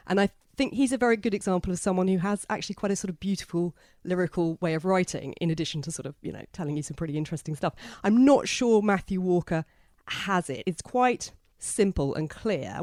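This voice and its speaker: Brief: woman, low-pitched, lively book-club chatter, dry close mic. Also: no echo. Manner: chatty, animated, reads quotes aloud. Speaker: book club podcast host. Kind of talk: casual book discussion.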